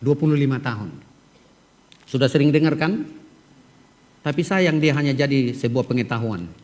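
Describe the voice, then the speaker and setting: A middle-aged male pastor with a rough voice, preaching an animated, joking sermon and calling on members of his congregation by name. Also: medium pitch. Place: church hall. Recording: long church hall reverb.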